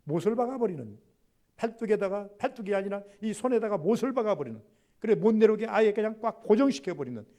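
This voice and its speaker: A middle-aged male pastor preaching a Sunday sermon in a fairly high voice. He keeps putting questions to the congregation and answering them himself. When he quotes, he acts the lines out, swelling loud and then falling quiet. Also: lively intonation, fast talker. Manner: acts out quoted speech with strong rises and drops in loudness.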